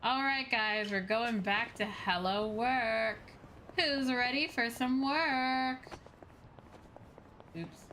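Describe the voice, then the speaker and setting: Speaking slowly in a higher, sharp-toned voice, this female streamer chats expressively during a casual game livestream and reads the on-screen dialogue out loud. Game music runs underneath, along with slight background noise.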